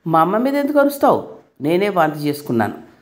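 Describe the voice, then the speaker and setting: A woman's voice: mid-range voice, normal speed, dark tone, natural voice. A woman voicing a feverish young husband who scolds his wife in heated outbursts. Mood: angry. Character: young husband, sick and indignant.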